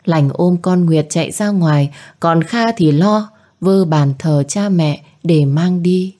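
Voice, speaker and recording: A woman reading a story aloud in scripted narration, raising her voice for characters' shouts. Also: on the low side, takes it slowly.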